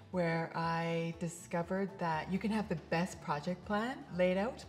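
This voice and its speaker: Casting: middle-aged woman with a deep, low voice, earnest facilitator intro, soft music underneath. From Canada. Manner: earnest and reflective, speaks with open hand gestures. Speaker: facilitator and coach. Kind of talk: scripted-sounding personal introduction to camera. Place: bright indoor studio set.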